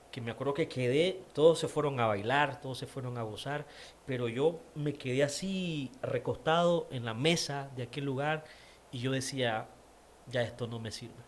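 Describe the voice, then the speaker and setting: A man with a Nicaraguan accent, an interview guest giving a personal faith testimony, repeating words for emphasis. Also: medium pitch. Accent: Nicaraguan Spanish.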